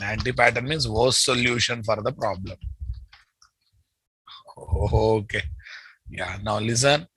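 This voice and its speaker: A male software instructor speaks English with a Telugu Indian accent in a bright, forceful voice. He lectures at a slow pace, repeating phrases as if dictating notes and often putting questions to his listeners. The sound is close and dry. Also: medium pitch, slightly rough, dry recording, poor audio.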